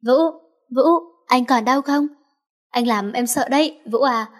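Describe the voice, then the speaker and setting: A woman voicing a young heroine who is cold and deadly with enemies but soft and pleading with her lover. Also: a little high, fairly even intonation, measured pace.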